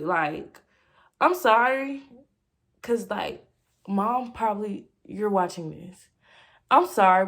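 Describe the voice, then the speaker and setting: A woman's voice: medium pitch, a bit bright. A young woman in a confessional home vlog, talking candidly and rambling with many fillers, speaking casually and directly to her viewers. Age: young adult. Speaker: vlogger.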